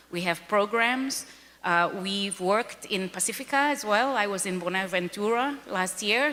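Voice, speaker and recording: This Kenyan woman's mid-range voice comes out pushed and bright as she speaks earnestly on a panel, hammering her points through repetition. She serves as a foundation president, and the large hall leaves a long reverb on the recording.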